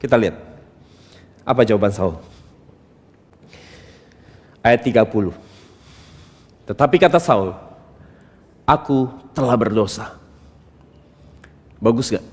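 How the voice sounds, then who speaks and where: A man's voice: fairly low pitch, a little slow, pauses often, breathy edge. Man preaching in a reverberant hall. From Indonesia. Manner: animated preaching, rhetorical questions, rising to loud emphatic bursts. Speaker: pastor. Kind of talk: sermon.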